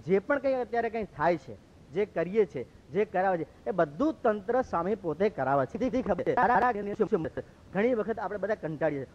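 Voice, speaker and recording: A man from Gujarat, a monk telling stories in a lively sermon and acting out what others said. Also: a little high. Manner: lively, acts out quoted speech. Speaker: monk preacher. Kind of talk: storytelling sermon. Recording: dull lo-fi recording.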